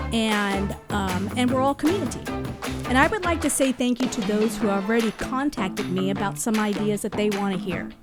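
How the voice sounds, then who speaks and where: A woman hosting a local community podcast, chatting in a rambling way with frequent restarts, sitting in a studio with her guest. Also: a little high. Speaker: podcast host.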